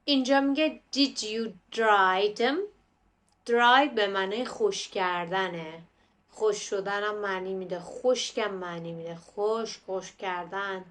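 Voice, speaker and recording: A woman's voice: mid-range voice, fairly bright tone. A woman language teacher walks through phrases step by step. She repeats words and pronunciations over and over. Her voice sits in an ordinary mid range. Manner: slow, repetitive, drills words and pronunciation. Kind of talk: explanatory lesson narration.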